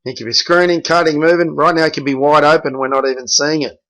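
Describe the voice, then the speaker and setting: Man, basketball coach, film review, blunt, fairly high voice. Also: fairly even intonation, fast talker, heavy background noise. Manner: blunt, frustrated, correcting players by name.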